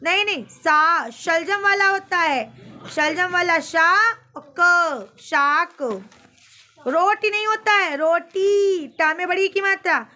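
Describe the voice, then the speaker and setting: A woman tutor with a very high, bright voice drills a class of pupils, sternly scolding their mistakes. She spells each word out slowly, letter by letter, taking her time and repeating the right form. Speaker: home tutor. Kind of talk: checking homework and drilling pupils.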